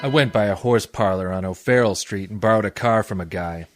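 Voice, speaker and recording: A man performs a tough, cynical gumshoe from a 1940s radio noir. The voice is on the low side, with terse, impatient delivery and a deadpan edge. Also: a little fast, over loud music, lightly acted. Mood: deadpan narration. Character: hardboiled, cynical, impatient male private detective.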